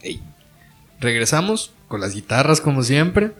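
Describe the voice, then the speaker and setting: A man's voice: mid-range voice, unhurried, soft background music. A young man with a Mexican Spanish accent, casually telling a story with a friend, laughing and acting out the people he quotes. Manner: laughing, animated retelling with quoted voices.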